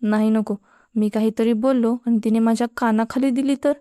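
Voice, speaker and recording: A woman's voice: a little high, fairly even intonation, fairly quick, warm tone, no room sound, clean studio sound, close to an everyday voice. A woman voicing a shy, nervous young male college student who speaks hesitantly.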